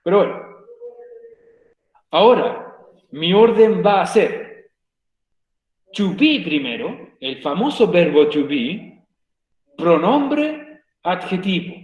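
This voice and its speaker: A man's voice: high voice, big pitch swings, takes it slowly, pauses often, lo-fi sound. A male teacher explaining grammar patiently in an online class, repeating each step. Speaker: English teacher. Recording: echoey room.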